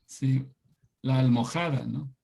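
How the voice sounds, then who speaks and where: A man's voice: mid-range voice, slow, gravelly, warm tone, slightly rough. A middle-aged man from Ecuador teaching an online class, telling anecdotes in a chatty way and often asking "¿no?".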